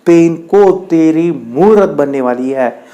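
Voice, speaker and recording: A man's voice: fairly high pitch, animated, slow, dark tone. A man voicing a puzzled, patient sculptor in a spoken story, coaxing a stone to bear the pain. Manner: coaxing, explaining.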